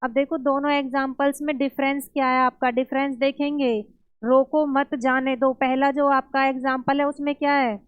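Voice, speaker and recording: High-voiced woman teaching a grammar lesson. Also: flat delivery, no echo, narrow, tinny audio. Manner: slow, explains step by step, asks and answers her own questions. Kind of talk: exam-prep grammar lesson.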